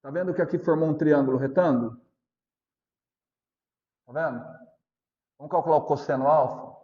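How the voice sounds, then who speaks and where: A Brazilian male physics teacher giving a class lecture, often stopping to ask whether students are following and repeating key points slowly. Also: fairly high pitch, dull audio. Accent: Brazilian Portuguese. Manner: asks constant check questions, repeats points slowly.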